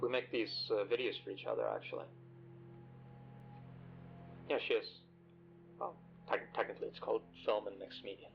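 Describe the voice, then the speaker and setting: Brief: man voicing an uneasy halting guy, deepish, bitcrushed and muffled. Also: fairly even intonation, creaky, slight background noise. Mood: hesitant. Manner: halting, stammering, repeats words.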